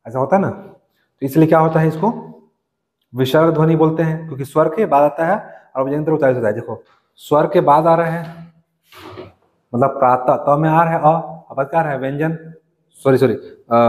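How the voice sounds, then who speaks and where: A man teaching in a coaching class speaks Hindi with a Chhattisgarh accent, his fairly high voice asking the students questions that he then answers himself. The room gives the sound a long, trailing reverb.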